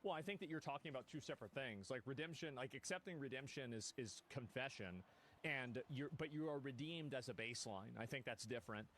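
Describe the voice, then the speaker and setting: A man's voice: mid-range voice, a little fast, fairly bright tone, slight background noise. A man streamer reacting to a clip on a live stream, heated and profane, repeating himself as he rants.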